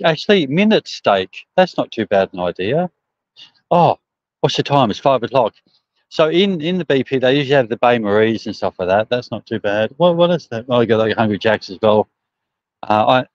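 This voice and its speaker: Broad Australian bloke, dull phone sound. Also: male voice, mid-range voice, dry recording. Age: middle-aged. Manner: rambling, hesitant, colloquial. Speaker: truck driver livestreaming. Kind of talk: casual live chat answering viewer comments. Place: outdoors on a service station forecourt. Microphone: phone propped at about arm's length. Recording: dull, slightly muffled phone livestream.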